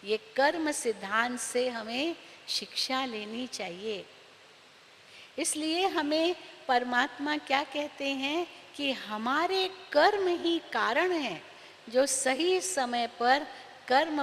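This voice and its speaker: A woman giving a spiritual talk on karma, slow and emphatic, repeating phrases for effect. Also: high-pitched, expressive, a bit bright, long reverb tail, a little hiss or hum. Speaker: spiritual speaker.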